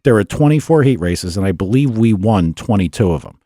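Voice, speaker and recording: A man telling stories casually on a podcast, animated and acting out the voices of others. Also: lowish voice, a little fast, no echo, studio quality. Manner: animated storyteller, acts out quotes in a raised voice. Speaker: podcast guest. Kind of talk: casual storytelling.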